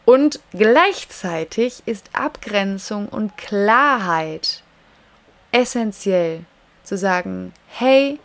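A woman's voice: mid-range voice, animated, extremely slow. A woman coach talking directly to her listener in a solo advice podcast, emphatic and frequently checking in with tag questions.

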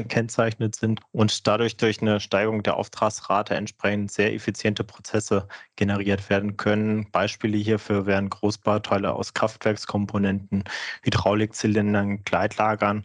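A man's voice: fairly low pitch, dry recording, clean studio sound. A man in his forties, an engineer interviewed over a video call, explaining in precise, formal technical phrasing. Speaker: guest engineer. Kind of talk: remote interview.

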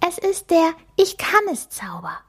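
Reading a children's storybook, a woman voices a cheerful little female magic mouse in a bouncy, encouraging way. The breathy voice is high-pitched, sing-song, a little slow, and pitched above her own natural voice.

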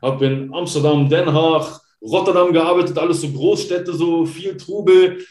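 A German man in his thirties chats casually as an interview guest, telling stories in a rambling way full of fillers. His voice is fairly high and darkish, steady and unhurried, and the recording has a roomy echo.

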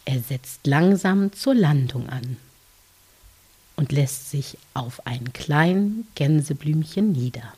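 Soft, breathy woman, very slow dream-journey narration. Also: low voice, lively intonation. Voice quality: soft, breathy, hushed, at times near whisper. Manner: gentle, soothing, unhurried with long pauses. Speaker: narrator of guided relaxation for children.

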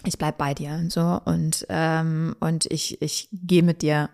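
A woman in her thirties, a podcast guest, telling a personal story in a halting, reflective way, often restarting her sentences. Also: low voice, level tone, gravelly, a little mellow. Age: 30s.

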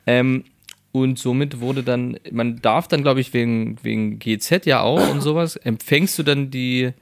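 A man's voice: mid-range voice, measured pace, gravelly, dry recording. Male co-host, chatty and laughing, restarts a lot, dry close mic. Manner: laughs often, rambling with restarts. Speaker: podcast co-host. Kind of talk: casual chat.

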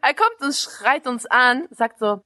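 Lively storytelling young woman, slightly high. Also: measured pace, no room sound, studio quality. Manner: lively storytelling, acting out quoted lines. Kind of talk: casual chat.

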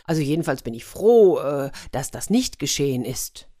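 A woman's voice: rumbling low, very animated, moderate pace, warm tone, heavily acted. A woman voicing a polite, earnest young prince in a fairy-tale reading. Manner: courteous, hesitant.

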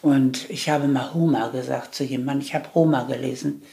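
An older woman tells her own story in an interview. Her voice carries a steady gravelly rasp. She speaks candidly, restarting sentences, then pushes her points home with emphasis. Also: very deep voice, brisk. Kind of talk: reflective life-story telling.

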